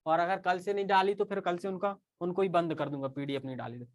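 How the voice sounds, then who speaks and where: A man's voice: sits high, fairly even intonation, quick pace. A man teaching a casual live online class, talking straight to his students and often checking in with "okay".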